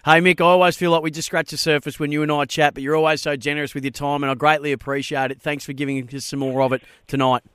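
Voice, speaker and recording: Clear-voiced Australian male sports radio host. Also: a little high, little pitch movement, quick pace, few pauses, fairly bright tone, no room sound, studio quality. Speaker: radio sports show host and quiz presenter. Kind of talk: live sports talkback radio presenting. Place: radio studio. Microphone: close studio microphone.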